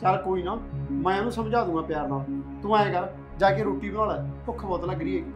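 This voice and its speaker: A man playing an easygoing husband who tries to calm his wife and asks for his meal. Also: high-pitched, fast talker, natural voice. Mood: placating. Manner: soothing, placating. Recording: echoey room with music.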